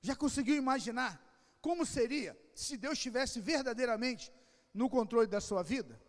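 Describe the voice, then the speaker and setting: A man pastor preaching an impassioned sermon with a Rio de Janeiro accent, swinging between shouted calls and quiet asides. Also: very high voice. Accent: Rio de Janeiro Portuguese. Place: church hall. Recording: long church hall reverb.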